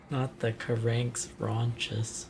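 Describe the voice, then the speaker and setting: A man's voice: medium pitch, gravelly, background noise. A man from Italy streaming a horror game, reading in-game text aloud and poking fun at himself in casual commentary. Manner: reads in-game text aloud, self-mocking. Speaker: let's play streamer.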